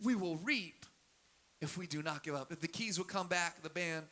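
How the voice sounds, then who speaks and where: A man preaching a sermon as pastor, repeating phrases in a steady cadence that swells into emphatic peaks. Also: fairly high pitch, normal speed. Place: church sanctuary.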